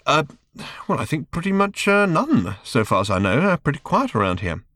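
A man doing Arthur, a shrill, sarcastic, exasperated man. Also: very animated, normal speed, a bit bright, no echo, clean studio sound. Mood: weary. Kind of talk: audiobook character voice.

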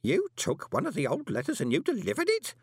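Elderly postman, breathy and insistent, dry studio sound. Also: high voice, huge pitch swings, fairly quick, dry recording, voice pushed up, heavily acted. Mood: horrified. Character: small elderly postman, fussy and aghast.

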